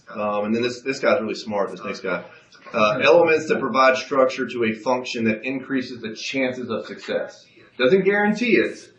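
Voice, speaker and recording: A man giving a workshop presentation in a casual, folksy, self-deprecating way, drawing the audience in. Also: mid-range voice. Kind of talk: casual seminar talk with audience interaction. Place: conference room. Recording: roomy, dull, from a distance.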